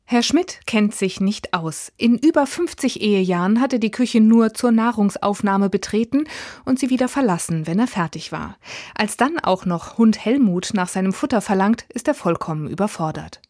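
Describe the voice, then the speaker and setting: A woman presenting an audiobook in calm, measured scripted narration. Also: medium pitch, no room sound, studio quality.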